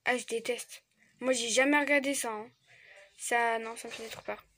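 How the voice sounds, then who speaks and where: Young woman, high voice, dry close sound, stammers, excitable fan chatter while unboxing. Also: normal speed, dry recording. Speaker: YouTuber opening trading card packs. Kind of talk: casual unboxing vlog chat.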